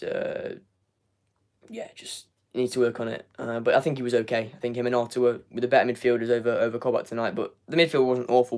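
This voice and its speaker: A young man with a creaky, medium-pitched voice hosts a live football fan channel review, reading the chat as he goes. His voice is giving out, and he rambles, repeating words and filling gaps with lots of fillers.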